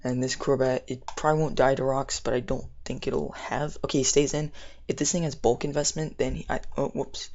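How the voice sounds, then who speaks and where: A man's voice: medium pitch, little pitch movement, a little fast, a little mellow, dull audio, slight background noise. A young man giving casual live game commentary, rambling and thinking aloud in slang, with slightly impeded speech as if wearing something in his mouth. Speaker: gamer narrating own battle.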